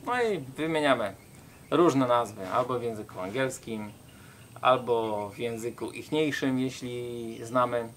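A man's voice: mid-range voice, measured pace, a bit bright, a little hiss or hum. A young man travel vlogger reading out viewer questions and explaining plainly in casual chat.

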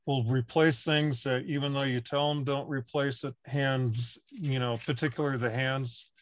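A man in his sixties chatting casually on a headset, with halting, thoughtful phrasing. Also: mid-range voice, fairly even intonation, dry recording. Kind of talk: casual discussion. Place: home workshop on a video call.

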